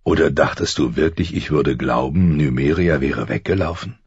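A man playing a grave noble father who speaks slowly and softly to his daughter. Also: a bass voice, breathy edge, dry recording, lo-fi sound, heavily acted. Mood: gentle. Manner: slow, soft, murmuring.

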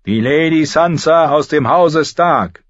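A man voicing a formal royal herald making loud, ceremonious announcements, in a slightly muffled audiobook recording. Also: fairly high pitch, slow pace, no echo, pitched above the performer's own voice. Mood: proclaiming.

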